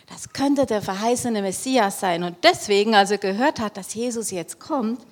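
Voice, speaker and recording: A woman's voice: medium pitch, moderate pace. A woman telling a Bible story to children, explaining as she goes and asking them questions. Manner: lively, explaining, asks the audience questions.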